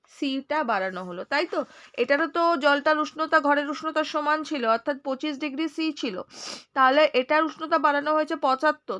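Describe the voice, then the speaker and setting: A woman with a Bengali accent teaching a science lesson, a little unwell and speaking softly. She reads questions aloud, then explains each step and checks that students follow. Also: sits high, muffled recording.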